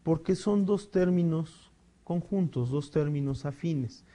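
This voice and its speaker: A male teacher explaining punctuation rules, reading example sentences slowly with emphasis and checking in with the class. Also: fairly high pitch, mellow. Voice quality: clears throat now and then. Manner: explanatory, with frequent fillers and checking "¿sí?". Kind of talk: recorded spelling and punctuation lesson.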